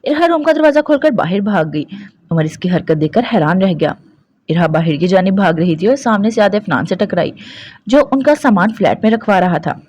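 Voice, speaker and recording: Woman narrator, romance novel read aloud, steady storytelling. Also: medium pitch, brisk, breathy edge.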